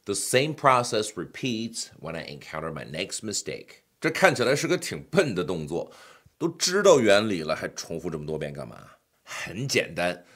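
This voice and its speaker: A man's voice: on the low side, fairly bright tone. A middle-aged man narrating a pronunciation lesson, joking with the viewer in playful asides. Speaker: English pronunciation teacher. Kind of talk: scripted lesson voice-over.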